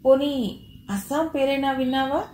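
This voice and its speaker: A woman's voice: mid-range voice, fairly even intonation, brisk, darkish tone, a little hiss or hum, lightly acted. A woman voicing a bold, fearless young man who barks harsh threats, in an audio novel with a roomy echo. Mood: commanding. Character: bold, fearless young male hero, commanding.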